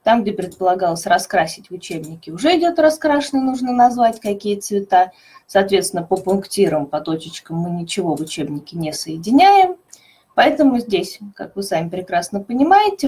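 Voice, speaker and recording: A woman methodologist presenting a teaching webinar, explaining clearly and stressing key words. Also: medium pitch, sing-song, a little fast, dark tone.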